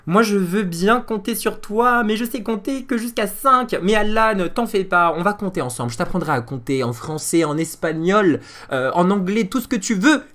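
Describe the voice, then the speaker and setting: A man's voice: high-pitched, normal speed, hardly any pauses. Chatty man in his thirties streaming. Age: 30s. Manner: chatty and animated, laughing at his own jokes. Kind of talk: casual live-stream chat with viewers.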